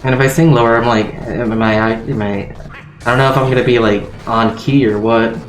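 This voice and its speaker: A young man chats on a live game stream, rambling, easily distracted and poking fun at himself. His medium-pitched voice has fairly even intonation at a moderate pace, picked up by a home streaming mic in an echoey room with game music playing.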